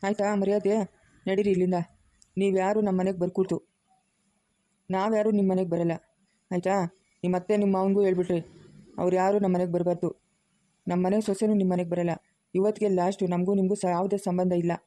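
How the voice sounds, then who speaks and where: A man's voice: high-pitched, level tone, quick pace, pauses often, warm tone, lightly acted. An actor in a family web drama playing a domineering man who scornfully orders his relatives out. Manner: scornful and commanding, barking orders. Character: domineering, insulting rural man throwing relatives out. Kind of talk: village family drama acting.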